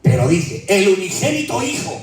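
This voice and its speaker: High-voiced preacher in a booming echoey church. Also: male voice, sing-song, normal speed, far from the mic, faint music behind. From Spain. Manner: impassioned, repetitive, rising to cries. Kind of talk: sermon. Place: large echoey church hall.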